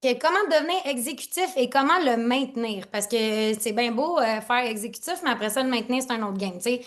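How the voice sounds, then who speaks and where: A woman with a lively Quebec French accent leads an online training session, talking fast and loosely and jumping between thoughts. Her voice sits a little high, and she laughs often. The sound comes through a laptop on a video call. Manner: excitable, rambling, laughs often. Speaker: network marketing team leader. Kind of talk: live online training talk.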